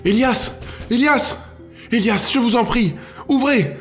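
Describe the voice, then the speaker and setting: A man's voice: very high-pitched, fast talker, soft background music, pitched above the performer's own voice. Man voicing a frantic pleading young mother. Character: panicked desperate young mother, woman.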